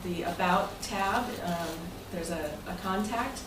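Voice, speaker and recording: Speaking slowly in a lowish voice, a woman addresses her club's members as president in an informal presentation. She's chatty, a bit rambling and loose with her phrasing, and the recording, made from far off, sounds roomy and noisy.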